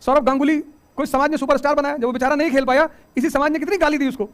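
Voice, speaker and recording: Man, middle-aged, coaching teacher, motivational class talk, quick delivery, lively rhetorical questions. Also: very high-pitched. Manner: animated, rhetorical questions, joking asides.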